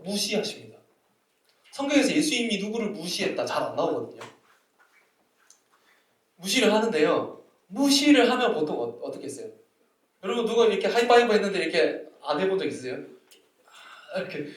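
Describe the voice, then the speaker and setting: A man's voice: high-pitched, sing-song, brisk, long pauses. A male pastor with a sore throat preaching to a young adults' service in a conversational way, often putting questions to the congregation. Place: church sanctuary. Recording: echoey church hall, mic at a distance.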